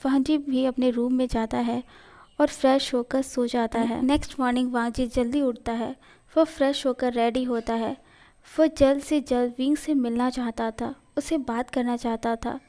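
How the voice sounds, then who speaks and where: A woman reads a fan fiction story aloud in a high, mellow voice. Her narration is steady and even throughout. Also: moderate pace. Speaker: story reader.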